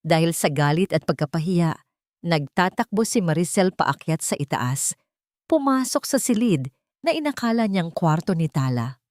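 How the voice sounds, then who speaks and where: A woman with a Filipino accent narrates an audiobook, reading a scripted dramatic story in a lowish, darkish, expressive voice at a moderate pace. The recording is dry and clean, like a studio.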